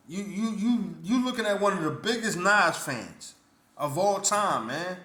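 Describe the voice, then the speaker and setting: A man vents his opinion in a casual vlog rant. His delivery is blunt and indignant, full of repeated words and restarts, with a fairly high, bright and forceful voice. The room around him rings with noticeable echo. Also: expressive, unhurried. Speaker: vlogger. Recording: roomy echo.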